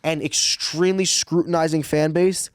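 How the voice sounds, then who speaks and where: A man's voice: fairly high pitch, level tone, moderate pace, smooth, dry recording. Rambling casual man, dry close sound. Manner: rambling, repeats words when jumping in. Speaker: podcast co-host. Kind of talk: casual sports chat.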